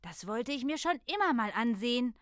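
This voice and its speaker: A woman playing a lively, playful, easily spooked young girl in a children's audio drama. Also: a little high, brisk, no echo, clean studio sound. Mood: conciliatory.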